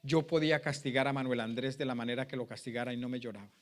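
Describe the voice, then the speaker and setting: A middle-aged man preaching a sermon, telling a personal testimony that swings from loud pleading to hushed, quiet tones. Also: medium pitch, fairly even intonation, fast talker. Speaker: pastor.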